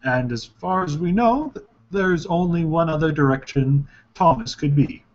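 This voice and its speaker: A man's voice: a little high, moderate pace, a little mellow. A man playing a tabletop game in character, speaking formally with hesitations. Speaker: player. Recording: muffled lo-fi recording.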